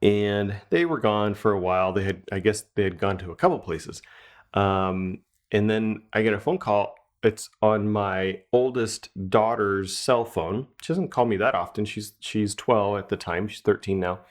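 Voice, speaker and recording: A man's voice: lowish voice, measured pace. A man hosting a radio show, telling a family story in a casual, chatty way and acting out the quotes. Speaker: radio show host, estate planning lawyer.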